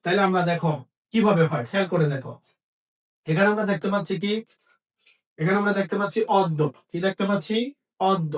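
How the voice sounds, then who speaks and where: A male teacher with a high voice runs an exam-prep grammar lesson. He asks his students a question, then answers it himself, and repeats the key points. He sounds a little distant from the microphone. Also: quick pace, long pauses.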